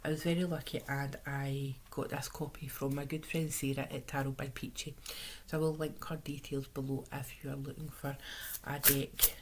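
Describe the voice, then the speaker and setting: Low, sore-throated Scottish woman. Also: little pitch movement, normal speed, hardly any pauses, background noise. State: sore, swollen-sounding throat, hoarse. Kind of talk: casual chatty tarot reading.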